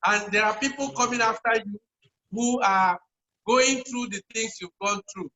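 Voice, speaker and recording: A man's voice: high-pitched, normal speed, bright, forceful tone, lo-fi sound. A man hosting an online tourism meeting, effusive and repeating himself as he introduces a guest. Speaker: host of an online tourism session. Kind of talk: casual online meeting host.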